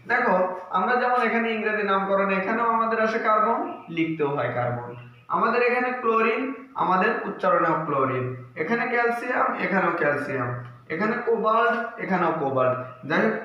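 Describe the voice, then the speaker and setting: A man teaching a class, explaining slowly and asking questions that he answers himself. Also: high-pitched. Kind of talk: classroom lesson. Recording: echoey room, slightly dull sound with faint noise.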